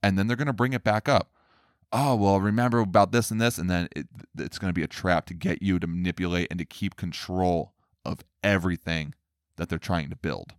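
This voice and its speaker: Deep-voiced man talking earnestly. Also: fairly quick, dry recording, studio quality. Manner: earnest, mimics others in a higher voice. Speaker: speaker on men's emotional health. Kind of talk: casual monologue.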